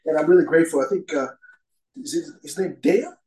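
A middle-aged man with a somewhat high voice speaks at length as a guest at a recovery meeting. He rambles and keeps dropping "you know" between his thoughts. The recording sounds roomy, with a clear echo around him. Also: quick pace, mellow. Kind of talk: personal recovery talk.

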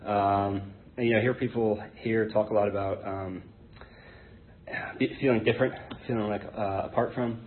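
Giving a personal testimony to a group at Alcoholics Anonymous, an American man in his thirties, Hong Kong-born to an English identity and Connecticut-raised, speaks informally with hesitant, halting rambling. His voice sits on the low side with fairly even intonation; the audio is a tinny phone-like band with background noise.

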